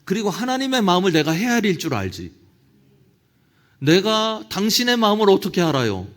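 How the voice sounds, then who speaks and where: Male pastor, middle-aged, seminar sermon; higher voice with wide swings, tells stories and acts out quoted prayers. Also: sing-song, normal speed, a bit bright. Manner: storytelling, with quoted prayers acted out. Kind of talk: lecture-style sermon at a church officers' seminar.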